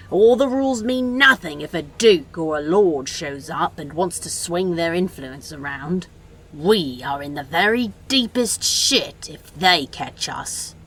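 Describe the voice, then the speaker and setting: Sardonic male demon, scolding, dry, low voice, woman voicing him, fan audio drama. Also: breathy edge.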